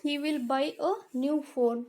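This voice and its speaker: Woman, exam-prep grammar teacher; slow, high voice, reads example sentences deliberately. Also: fairly even intonation, a little mellow. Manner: explains step by step and asks rhetorical questions; mixes Kannada with English terms.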